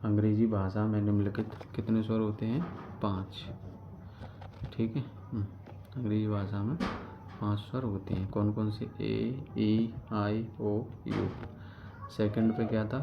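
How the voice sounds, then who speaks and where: A man's voice: fairly low pitch, flat delivery, unhurried, vocal fry. A man teaching a grammar lesson, explaining step by step, repeating key terms and answering his own questions. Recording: dull lo-fi recording with background noise.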